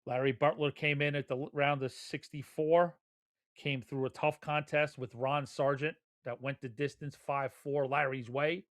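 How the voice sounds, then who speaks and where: A man's voice: medium pitch, little pitch movement, normal speed. A man giving live darts commentary in a conversational, folksy way. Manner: conversational, folksy turns of phrase.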